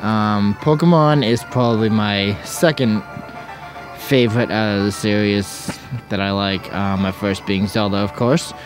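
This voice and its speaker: Male gameplay host, casual and unhurried, chatty with lots of fillers. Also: on the low side, fairly even intonation, music in the background. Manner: rambling, jokey, many fillers. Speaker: Let's Play host.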